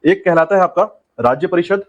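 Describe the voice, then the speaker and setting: A man's voice: high voice, moderate pace, muffled recording. A man teaching an exam-prep lecture, drilling key points and repeatedly telling students to remember them. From India.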